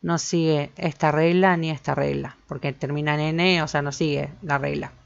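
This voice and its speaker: A woman's voice: sits low, steady tone, normal speed, creaky. A woman teaching English grammar to Spanish-speaking students, patiently going through each step and often checking "¿sí?". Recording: dull lo-fi with faint noise.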